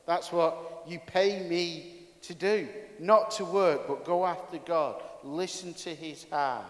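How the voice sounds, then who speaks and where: A pastor preaching a sermon to his congregation in a chatty, candid, self-deprecating way, his voice carrying a big hall echo. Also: fairly high pitch. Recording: echoey hall with long reverb.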